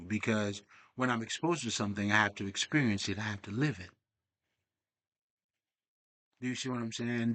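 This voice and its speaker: A man's voice: on the low side, fairly bright tone. A young man talking in a casual, profane, rambling monologue as a spiritual vlogger. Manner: profane, streetwise, digressive.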